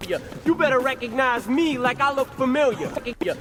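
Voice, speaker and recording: A man's voice: very high-pitched, extremely slow, a bit bright, full character voice. A man playing a cocky young battle rapper, rapping a taunting line in a film clip.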